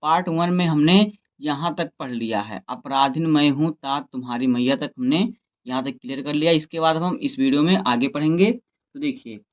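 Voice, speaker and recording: Man, high voice, teacher explaining poetry, slow recitation then quick explanation, slightly dull recording. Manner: recites verses slowly, explains in rapid asides. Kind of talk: Hindi literature lesson explaining poetry.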